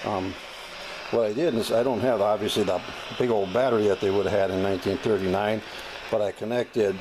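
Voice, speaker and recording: A hobbyist, an American man with a fairly low voice, shows off a vintage gadget casually and without a script. Folksy and plain-spoken, he often halts while finding his words, and clear noise runs through the amateur recording.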